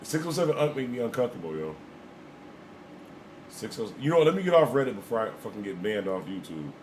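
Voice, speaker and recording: A man's voice: fairly low pitch, very animated, fast talker, a little hiss or hum, poor audio. A man hosting a livestream, reacting to clips and posts in loose, repetitive slang. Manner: loose, repetitive, slangy talk with laughing asides. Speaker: livestream host. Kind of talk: casual livestream reaction commentary.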